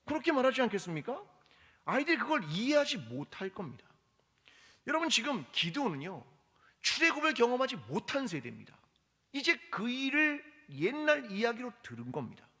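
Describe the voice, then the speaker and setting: A man's voice: very high voice, sharp tone. A man preaching a sermon as pastor, firing rhetorical questions and leading the congregation in reading scripture aloud. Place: church hall. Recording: long hall reverb.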